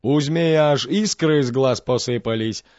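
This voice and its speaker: A man's voice: medium pitch, unhurried, darkish tone, dry recording, muffled recording. Man narrating a folk tale. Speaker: storyteller.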